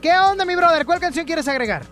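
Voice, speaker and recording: A man's voice: extremely high pitch, lively intonation, fast talker, a bit bright, soft background music. A man hosting a casual radio call-in show, playful and joking with callers. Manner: playful, joking, laughs often. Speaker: radio host taking call-ins.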